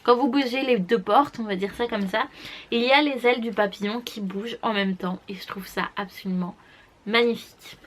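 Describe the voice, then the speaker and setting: A woman's voice: fairly high pitch, normal speed. A woman presenting a makeup palette to the camera in casual, gushing talk, full of restarts and fillers. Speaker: beauty vlogger. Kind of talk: casual makeup product review.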